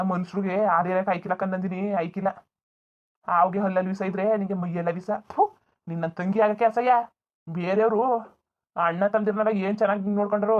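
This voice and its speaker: A voice actor playing an angry young man who scolds his family in a village cartoon, shouting and bitter. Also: medium pitch, close to an everyday voice. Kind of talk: Kannada village cartoon dub. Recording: tinny phone-like audio.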